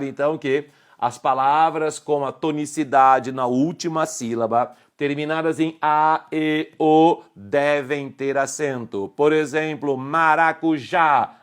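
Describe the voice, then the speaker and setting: Speaking at a medium pitch, a middle-aged Brazilian Portuguese-accented man runs an online grammar lesson. He lays out the rules and checks in with the viewer using short questions.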